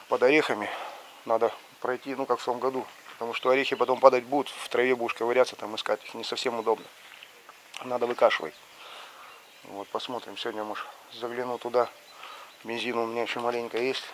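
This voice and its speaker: This middle-aged village life vlogger rambles casually to an action camera held at arm's length outdoors in a village yard, his voice fairly bright in tone. A pulled lower tooth gives his s and sh sounds a slushy lisp, and the rough outdoor camera audio picks up background noise.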